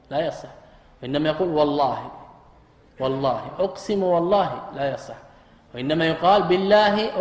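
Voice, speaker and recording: A man's voice: a little high, darkish tone. A man, a sheikh, teaching Arabic grammar in a recorded lesson, asking rhetorical questions and repeating key terms. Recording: echoey hall reverb.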